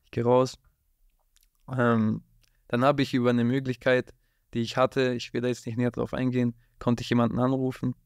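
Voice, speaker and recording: A rapper guest speaks at a moderate pace, telling lively stories in a casual interview with plenty of street slang and a steady stream of "Bruder." His mid-pitched voice has a clean tone with no room sound, recorded close on a boom-arm studio mic in a dark studio bathed in blue light.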